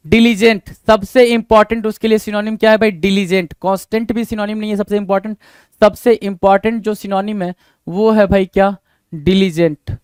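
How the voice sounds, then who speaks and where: Man teaching vocabulary, clear voice. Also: high-pitched, darkish tone, no echo, clean studio sound. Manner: asks rhetorical questions and answers them himself, repeating key words. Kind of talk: exam-prep vocabulary lesson.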